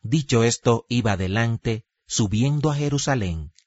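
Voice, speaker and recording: A man's voice: mid-range voice, lively intonation, measured pace, dry recording. Solemn male biblical epic narrator, dull recording. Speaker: Bible narrator. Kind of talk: scripted scripture narration in the manner of a biblical epic. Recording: dull lo-fi recording with music behind. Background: music.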